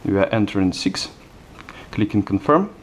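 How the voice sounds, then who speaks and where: Low-voiced man demonstrating software. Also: expressive, moderate pace. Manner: plain step-by-step explaining with hesitant fillers. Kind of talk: screencast product demo narration.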